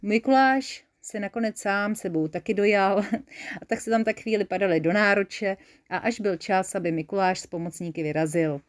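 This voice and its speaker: A woman storyteller reading a children's tale in a lively, playful manner. Her pitch sits in a middling range, and she keeps the story moving with a teasing tone.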